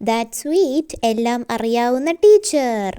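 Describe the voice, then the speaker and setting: A woman hosting her channel, slowly introducing each comic segment. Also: fairly high pitch, animated, dark tone, smooth. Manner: slow, announcing each teacher type. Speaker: channel host.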